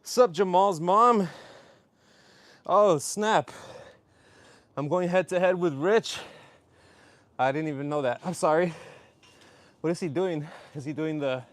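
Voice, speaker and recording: A man's voice: on the high side, normal speed, pauses often, dry recording. A man chatting casually on a workout livestream in a slangy, upbeat way. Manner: upbeat shout-outs to viewers, slangy. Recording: clearly noisy live stream with clicks.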